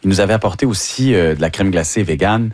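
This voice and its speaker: A man's voice: low-pitched, fast, darkish tone. A man with a Quebec French accent hosting a casual radio show, talking with many fillers and restarts. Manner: hesitant, full of fillers and restarts.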